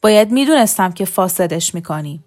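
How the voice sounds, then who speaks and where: A furious, menacing husband barks accusations at his wife, as a woman reading the story puts him on. The voice climbs above her usual reading pitch and comes out loud and hard, an audiobook character snapping with threat. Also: lightly acted. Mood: angry. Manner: shouting, accusing. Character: angry threatening middle-aged husband.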